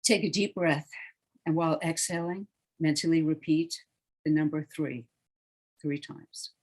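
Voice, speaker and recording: Meditation guide, guided relaxation read, hushed and soothing, trails off softly, mid-pitched. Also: steady tone. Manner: slow, soothing, hushed delivery.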